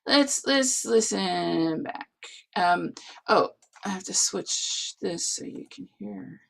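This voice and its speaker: A woman songwriter recording her own vocals, talking softly and directing herself between takes. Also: mid-range voice, animated, vocal fry. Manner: soft-spoken, unhurried, self-directing. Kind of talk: casual studio work talk.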